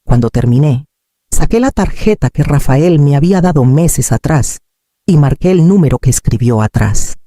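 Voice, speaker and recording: Dark, mellow male storyteller. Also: on the high side, no room sound, studio quality. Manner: slow, solemn, expressive storytelling. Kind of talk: scripted dramatic narration.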